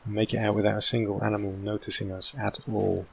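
A man from England in his thirties talks over a game in casual, rambling commentary, with a British accent worn partly American. His voice sits low and carries a gravelly fry. He fills his pauses with plenty of "um"s. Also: little pitch movement, a little hiss or hum. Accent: British English mixed with American. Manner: rambling and chatty, with many "um" fillers. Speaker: gaming channel host. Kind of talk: casual let's-play commentary.

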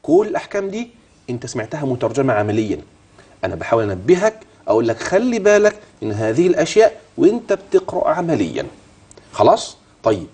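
A middle-aged man with an Egyptian Arabic accent teaching tajweed on a TV lesson, quizzing the viewer and modeling slow chanted recitation. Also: medium pitch, big pitch swings, darkish tone, slightly rough.

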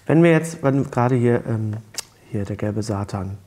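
A middle-aged man with a fairly low, dark, expressive voice hosts a talk show at a normal speed, presenting in a casual, jokey, enthusiastic way. He's seated at a table on a small studio set, wearing a lapel mic.

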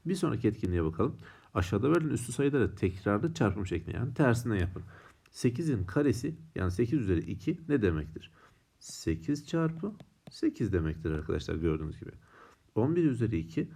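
A man's voice: on the low side, darkish tone, slightly rough. Patient man teaching a math lesson. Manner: patient, repeats and asks the students questions.

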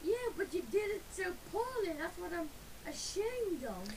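A woman's voice: very high-pitched, sing-song, normal speed, a little hiss or hum, low-quality recording. A woman playing a game with a friend, chatting casually, teasing him and giggling often. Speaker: co-player. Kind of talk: casual gaming chat.

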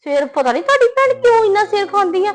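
A woman playing a sulky wife, complaining, high-pitched, faint background music. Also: sing-song, quick pace. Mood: aggrieved. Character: young wife sulking about her sister-in-law. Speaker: daughter-in-law in a family short film. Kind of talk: scripted short film acting.

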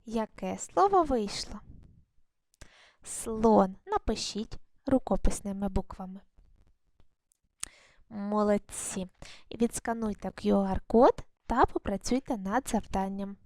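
A woman's voice: medium pitch, lively intonation, a little slow, darkish tone, no echo. A woman teacher giving a recorded video lesson, patiently guiding young pupils through handwriting step by step with frequent praise. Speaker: primary school teacher.

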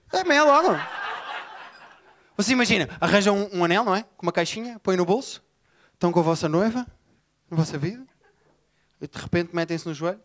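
A man from Portugal with a Lisbon accent, performing an animated, profane stand-up set and riffing with the crowd. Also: high-pitched, slight background noise. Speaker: stand-up comedian. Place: comedy bar before a live audience. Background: audience laughter.

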